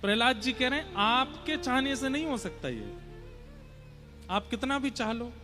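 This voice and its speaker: Young male preacher, high voice, earnest devotional sermon, soft music under it. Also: big pitch swings, normal speed. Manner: earnest, urges listeners to listen closely. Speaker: kathavachak preacher. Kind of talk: devotional sermon with chanted Sanskrit verses. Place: large hall before a seated audience.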